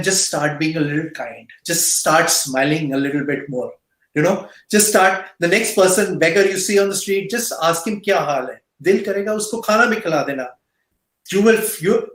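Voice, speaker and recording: A man's voice: on the high side, a bit bright. Middle-aged Indian-accented man, echoey room. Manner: emphatic, repeats phrases for stress. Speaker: guest speaker, cancer patient support volunteer. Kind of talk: earnest interview answers and motivational advice to youth. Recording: roomy, echoing sound.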